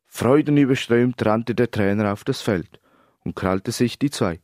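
A man narrating a story in a steady, even reading voice. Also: mid-range voice, a little slow, no echo, studio quality.

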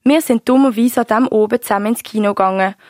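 A reminiscing Swiss German grandmother, played by a woman in a homemade radio play, telling her story fondly and at an easy pace. The voice is fairly high for a woman and sounds close and dry. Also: fast talker, dry recording, lightly acted. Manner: warm, storytelling, fond reminiscing. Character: older Swiss grandmother recalling her youth.

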